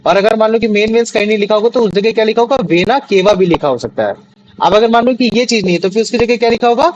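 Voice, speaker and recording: A man's voice: sits high, expressive, quick pace, dull audio. A young man teaching a classroom lesson, often repeating questions to check that the students follow. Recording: faint background noise.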